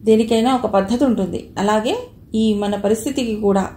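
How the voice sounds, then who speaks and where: A woman's voice: fairly high pitch, moderate pace, warm tone, close to an everyday voice. A woman reading out the lines of a playful young man in his twenties, teasing and coaxing, in a roomy recording. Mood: earnest. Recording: echoey room.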